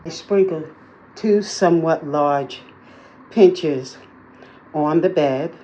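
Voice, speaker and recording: A woman's voice: deep voice, slow, warm tone, highs cut off. A woman talking casually to her viewers in a day-in-the-life vlog, chatty and full of fillers, recorded on a handheld phone. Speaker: vlogger. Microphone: phone held in hand.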